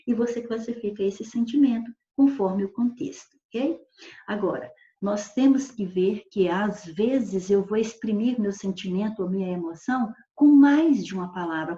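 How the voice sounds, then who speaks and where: A woman teacher talks through a grammar lesson with patience, working through examples and checking in with "right?" as she goes. Her voice is mellow and relaxed. The recording is dull and lo-fi in a roomy, echoey space. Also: medium pitch. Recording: echoey room, dull lo-fi sound.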